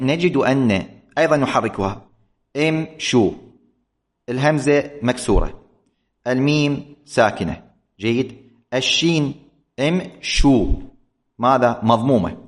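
A man teaching an Arabic grammar lesson, speaking slowly and deliberately and repeating key points. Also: mid-range voice. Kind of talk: classroom lesson on verb forms.

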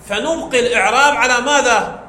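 Speaking very high and quick, with a bright, forceful tone, a male teacher works through a grammar lesson step by step. He poses questions to the class and answers them himself, and the echoey room carries faint background noise.

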